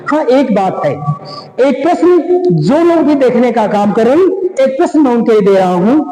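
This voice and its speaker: A man teaching an exam-prep grammar lesson, slowly repeating words and phrases to drill them in. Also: very high voice, warm tone, roomy sound, long reverb tail, poor audio.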